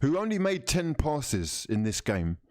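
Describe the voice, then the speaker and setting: A man hosting a live fan football watch-along, commentating in an informal, excitable, matey way. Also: fairly high pitch, unhurried, no room sound.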